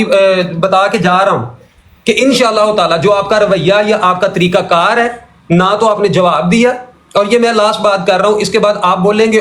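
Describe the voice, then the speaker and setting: A high-pitched man argues hotly on a call-in, working through his complaints point by point and circling back to them. His voice rings in a noticeably echoey room. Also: a bit bright. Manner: argumentative, numbers and repeats his points. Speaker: caller in a religious debate. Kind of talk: heated call-in argument.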